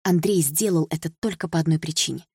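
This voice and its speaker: A woman reads a first-person audiobook in a steady, measured way. Her voice sits low and husky. The recording is dry and close. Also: no echo. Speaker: audiobook narrator.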